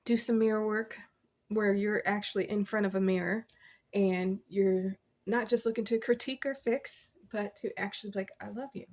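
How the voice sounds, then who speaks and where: A woman giving a casual, encouraging tarot reading from her desk, chatty and quick to laugh. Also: mid-range voice, fairly even intonation, darkish tone. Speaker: tarot reader.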